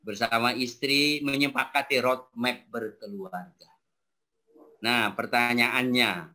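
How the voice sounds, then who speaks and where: 40s guy giving a religious talk, bright sharp voice, middle pitch, keeps going "ya" and "nah" at the crowd. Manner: addresses audience directly with frequent rhetorical "ya" and "nah". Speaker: Islamic teacher giving a parenting talk. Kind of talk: religious lecture to teachers. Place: talk before a live audience.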